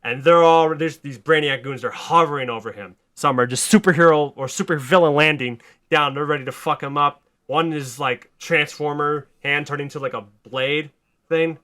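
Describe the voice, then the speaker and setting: A man hosting a podcast, telling a story in excited casual chat, swearing a lot and rising to near shouts. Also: on the high side, moderate pace. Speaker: podcast host.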